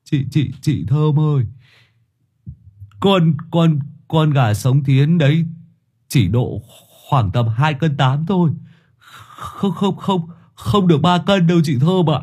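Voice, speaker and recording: A man's voice: a little high, slow, long pauses, darkish tone, slightly rough, voice pushed up. A man voicing a timid, chubby village youth who stammers, in an audio storybook. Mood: nervous.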